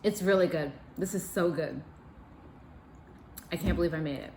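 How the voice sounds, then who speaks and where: In a casual cook-with-me vlog, a woman with a lowish, darkish voice chats at normal speed while cooking and tasting food in her home kitchen. She's self-deprecating and talks while eating. The rough recording is reverberant with a little hiss or hum.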